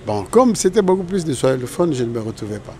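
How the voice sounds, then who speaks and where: Older man from Congo, gravelly interview guest, rambling and self-correcting; slight noise behind. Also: fairly high pitch, very animated, fast, dark tone. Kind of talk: casual interview recollection.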